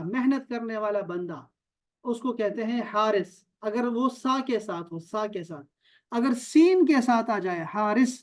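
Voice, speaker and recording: A man teaching an online Quran vocabulary class over a video call, explaining each word slowly, repeating terms and quizzing his students. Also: high voice.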